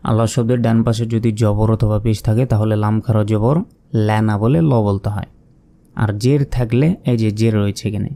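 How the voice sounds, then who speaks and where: A man with a mellow, dark-toned voice teaches reading letter by letter. He asks a question, answers it himself, and stretches each recited syllable out slowly. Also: medium pitch. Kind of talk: step-by-step spelling lesson.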